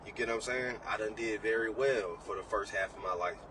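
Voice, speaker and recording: A man's voice: fairly low pitch, fairly quick. Blunt profane young man, mic set back. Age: 20s. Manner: blunt, profane, preachy motivational rant. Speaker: trading educator guest. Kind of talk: casual podcast talk. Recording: distant mic with faint background noise.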